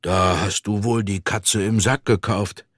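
A man playing a kindly, calm older antique dealer in an audiobook reading. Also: fairly low pitch, a little slow, no echo, studio quality. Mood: gentle.

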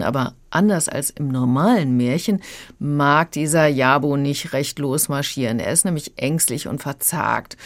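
Low-voiced woman reviewing a book on radio. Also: no room sound. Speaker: book critic.

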